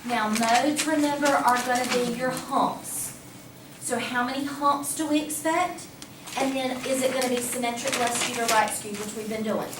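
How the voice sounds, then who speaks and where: A woman math teacher giving a lively classroom lecture, talking casually and asking the class questions. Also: on the high side, normal speed. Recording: echoey classroom from a distance, faint hum.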